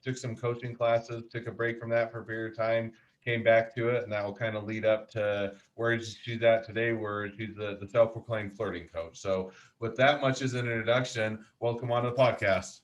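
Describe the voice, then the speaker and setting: A man hosts a podcast interview, introducing and questioning his guest. He speaks in a halting way, full of fillers and restarts, on a slightly dull, lo-fi recording. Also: on the low side, level tone. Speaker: podcast host. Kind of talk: interview hosting.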